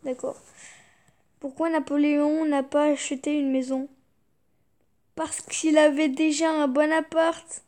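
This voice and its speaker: A woman's voice: high voice, level tone, a little slow, long pauses, darkish tone. A young woman YouTuber reading jokes aloud, fighting back giggles and muttering reactions between them.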